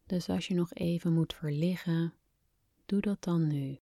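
A woman leads a guided relaxation in a soft, breathy near-whisper. Her voice is mellow and fairly low, and she speaks very slowly and soothingly. The sound is close and dry. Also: no echo. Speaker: podcast host, relaxation guide.

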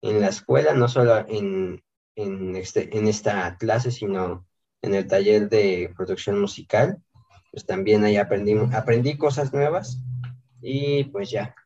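A man's voice: on the low side, unhurried, warm tone. A young man hosting a student podcast in casual talk, hesitant and often searching for his words. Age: young adult. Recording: dull, lo-fi sound.

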